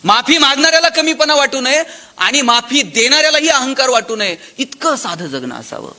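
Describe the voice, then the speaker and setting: A man gives a motivational lecture in a high, bright voice. He tells stories animatedly, voicing the people in them and swinging between loud exclamations and hushed asides. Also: very animated, moderate pace. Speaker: motivational speaker. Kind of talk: public lecture with storytelling.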